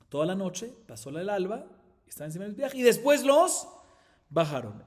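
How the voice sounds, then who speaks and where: A man from Colombia teaching a Talmud lesson as a rabbi, with animated rising emphasis and frequent rhetorical questions to his listeners. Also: sits high. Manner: reads Aramaic text in quick chant.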